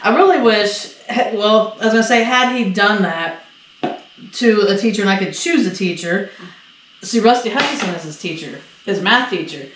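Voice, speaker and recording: A middle-aged woman co-hosting a casual podcast, telling stories with lively acted-out quotes and plenty of swearing. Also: mid-range voice, moderate pace, far from the mic, a little hiss or hum. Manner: animated storyteller, acts out quotes, swears freely. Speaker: podcast co-host. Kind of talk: casual storytelling chat. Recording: echoey room, voices a bit off-mic.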